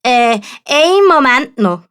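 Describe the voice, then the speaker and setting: A bumbling storybook knight, put on by a woman, pitched high and eager. He sounds pompous yet hesitant, a would-be hero. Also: sing-song, slow, a bit bright, exaggerated voice. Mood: flustered, eager. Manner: hesitant, throat-clearing, pompous. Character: eager, bumbling, self-proclaimed heroic young male knight. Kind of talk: storybook character voice.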